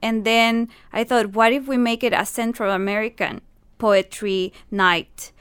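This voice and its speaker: Costa Rican woman with a clear voice. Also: fairly high pitch, steady tone, a little slow, a bit bright. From Costa Rica. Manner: earnest, explains step by step, non-native English phrasing. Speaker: university staff, event organizer. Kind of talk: radio interview guest. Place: radio studio.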